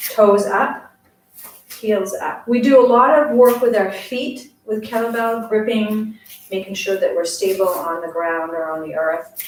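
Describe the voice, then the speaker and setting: A woman with a Maine accent talks a group through exercises in a chatty, easygoing style. Her voice sits at a medium pitch and comes from a distance in a very reverberant space, with faint noise behind it. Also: measured pace. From Maine, USA. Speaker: morning workout instructor. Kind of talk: casual exercise class instruction.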